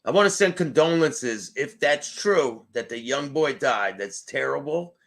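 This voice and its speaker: A man's voice: mid-range voice, lively intonation, a little slow, creaky, fairly bright tone. A man hosting a reaction show, tearing into a clip with angry, sarcastic, profanity-heavy commentary. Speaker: host reacting to clips.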